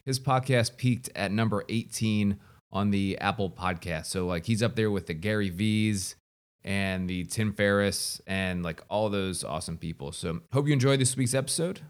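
A man's voice: on the low side, moderate pace. An American man hosting a podcast, laid-back and casual, often saying "man" and "awesome". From United States. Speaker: podcast host. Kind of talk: casual interview chat.

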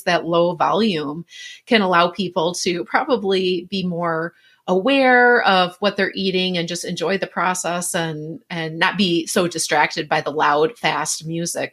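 Female host, lowish breathy voice, keen interviewer. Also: a bit bright. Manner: enthusiastic, self-described health geek. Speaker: podcast host. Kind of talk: casual interview talk.

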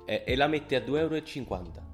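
A man's voice: medium pitch, expressive, fast talker, soft background music. A man with a stuffy, blocked nose, chatting casually as a podcast co-host. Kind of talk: casual chat.

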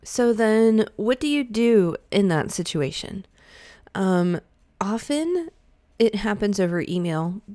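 A woman's voice: medium pitch, expressive, takes it slowly, mellow, no echo, studio quality. A woman coaching freelance writers in a chatty, emphatic way, often laughing and acting out quoted lines. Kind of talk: instructional talk to camera.

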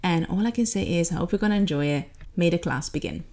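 A woman's voice: on the low side, expressive, fast, mellow, soft background music. A woman hosting a marketing podcast, introducing an episode and her guest in an upbeat, chatty way. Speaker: podcast host.

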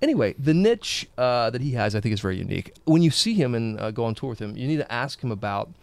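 Playful, lively-voiced male host. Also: mid-range voice, fast talker, vocal fry, smooth, no echo. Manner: playful, joking, lively questioning. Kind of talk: casual interview chat.

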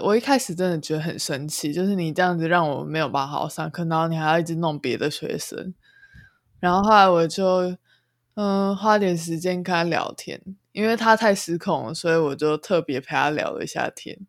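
Brief: co-host, mid pitch with a gravelly fry, calm reflective chat, dry sound. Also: brisk, dry recording. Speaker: podcast co-host. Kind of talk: casual chat.

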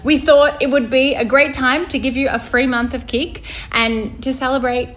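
High, steady and a bit bright, this young podcast co-host talks at normal speed in casual, chatty conversation. She laughs a lot and keeps restarting sentences.

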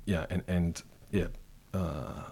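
Speaking slowly in a low, dark, husky voice that's creaky yet steady, this middle-aged Kiwi reflects on his past. He's a cafe co-founder guesting on a conversational interview, thoughtful but prone to restarts and fillers.

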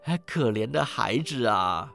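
A man voicing an old male miser who cries out in excitement with drawn-out exclamations, in a told story. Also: mid-range voice, soft background music. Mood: sorrowful. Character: old miser man, giddy with childhood memories. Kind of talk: storytelling narration.

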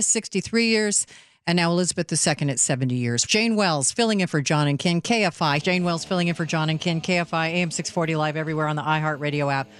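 A woman's voice: deep voice, no echo. A woman hosting live talk radio, chatty and opinionated, speaking into a studio microphone. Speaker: radio talk host, filling in.

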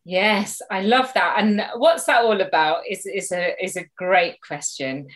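A woman mediator, a guest in a conversational interview, talking in an animated way. She slips into the voices of the people she quotes, with a mid-pitched voice. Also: measured pace.

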